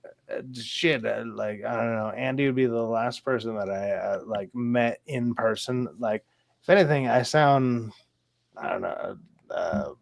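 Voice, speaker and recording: A man with a smoker's rasp and slurred, hissy S sounds, rambling and stammering through casual stream chat while swearing freely. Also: mid-range voice, animated, a little slow, no room sound.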